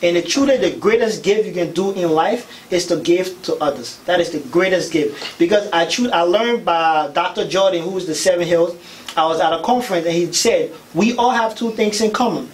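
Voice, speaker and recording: A man's voice: high voice, normal speed, a little hiss or hum, low-quality recording. A young man from Liberia, a guest on a radio talk show, speaking earnestly and repeating words for emphasis into a studio mic. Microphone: studio boom mic.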